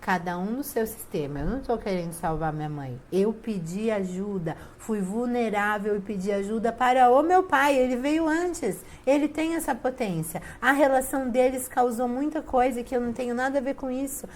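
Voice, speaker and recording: A woman's voice: on the high side, normal speed, hardly any pauses, a little hiss or hum. A woman with a Brazilian Portuguese accent, giving a spiritual talk and telling personal stories emphatically, acting out quoted dialogue. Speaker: spiritual family-systems teacher. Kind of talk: casual spiritual talk to viewers.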